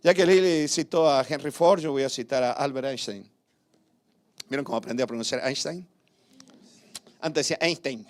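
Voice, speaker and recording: A pastor giving a sermon in a conversational, lively way, tossing out rhetorical questions and short tag questions, and moving between raised emphasis and quiet asides. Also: male voice, medium pitch, normal speed, long pauses.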